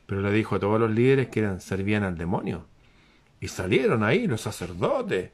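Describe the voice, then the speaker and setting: A man giving a lively spiritual talk to an audience, asking rhetorical questions and dropping suddenly to a hush. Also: fairly low pitch, fairly quick, breathy edge. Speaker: motivational speaker.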